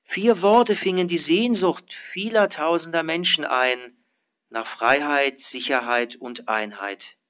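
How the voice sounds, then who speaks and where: A male pastor giving an earnest, measured sermon, lifting his voice on emphatic phrases. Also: on the high side, a bit bright.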